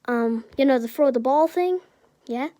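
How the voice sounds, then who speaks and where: A woman's voice: sits high, normal speed, mellow. A woman narrating a fan story casually in a rambling, playful way.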